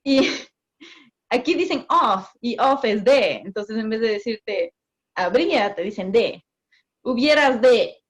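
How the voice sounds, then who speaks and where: A woman on a video call, explaining in an animated way with examples and laughs. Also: fairly high pitch, a little slow. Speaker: guest, migration office worker in Australia. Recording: muffled video call audio.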